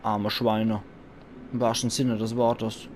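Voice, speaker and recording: A man's voice: lowish voice, flat delivery, slow pace. A man doing casual, blunt let's play commentary, reacting aloud and swearing as he plays. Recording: faint background noise.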